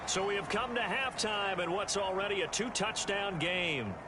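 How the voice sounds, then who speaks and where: A man's voice: sits high, normal speed, natural voice. A man playing a football play-by-play announcer in a video game, calling the action. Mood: steady commentary. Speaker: play-by-play commentator. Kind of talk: football commentary. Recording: very loud stadium noise behind.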